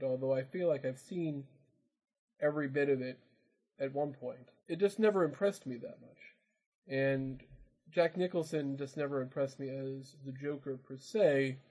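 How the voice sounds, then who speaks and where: A man's voice: on the high side, dark tone, breathy edge, rough recording. A man in casual, rambling, opinionated chat as a podcast co-host. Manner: rambling, opinionated, many restarts.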